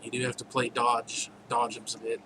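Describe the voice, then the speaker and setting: A man's voice: medium pitch, completely flat delivery, normal speed. A man casually walking through his own game, rambling with jokey asides, over a noisy recording. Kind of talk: casual gameplay commentary.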